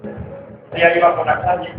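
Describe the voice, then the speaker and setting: Male pastor, high voice, fervent shouting sermon, recorded from afar in a boomy church. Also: flat delivery, moderate pace, music in the background. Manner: fervent preaching, often shouting. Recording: distant echoey church hall, lo-fi, noisy.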